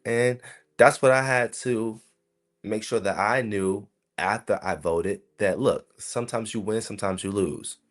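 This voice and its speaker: A man's voice: lowish voice, unhurried. A man from South Carolina, hosting a casual solo podcast and talking to his listeners in a chatty, rambling way. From South Carolina, USA. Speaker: podcast host.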